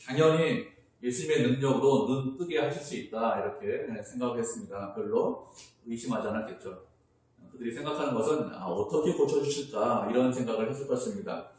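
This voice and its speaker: A man's voice: medium pitch, fairly quick, a little mellow. A man preaching a sermon as pastor, telling the story with rhetorical questions and acting out quoted lines. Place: church sanctuary. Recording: strongly echoey church sanctuary.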